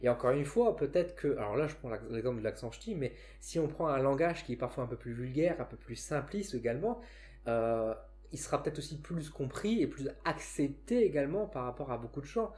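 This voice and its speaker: A man's voice: medium pitch, expressive, brisk, darkish tone. A man with a northern French accent, a spiritual vlogger, talks casually to camera in a reflective way, often hesitating and restarting his sentences. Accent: northern French (Ch'ti). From northern France.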